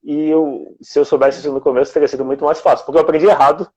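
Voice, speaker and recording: A man from Brazil talks as a guest in an easygoing chat, laying out his points one step at a time. His voice sits a bit high for a man yet sounds mellow and soft-edged. The recording is dull and lo-fi. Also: steady tone, racing, breathy edge. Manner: reflective, explains step by step. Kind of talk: casual conversation.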